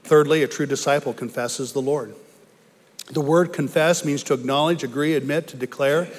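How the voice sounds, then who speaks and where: A male pastor preaching a sermon in an earnest storytelling way, his voice rising as he gets excited. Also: a little high, normal speed. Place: church sanctuary. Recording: long church reverb.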